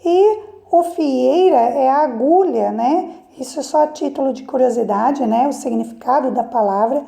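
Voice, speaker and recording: Brazilian woman teacher, remote class, high voice, gravelly, slow, keeps checking in with the kids. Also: dark tone. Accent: Brazilian Portuguese. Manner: slow explaining with frequent "né?" and "tá?" checks. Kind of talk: remote class lesson for children.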